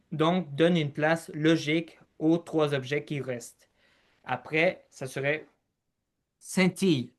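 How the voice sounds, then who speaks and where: A man with a Québécois accent hosting a podcast, walking the listener step by step through points in casual chat. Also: on the high side. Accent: Québécois French. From Quebec. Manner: structured, listing steps, talks to listener directly. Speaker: podcast host.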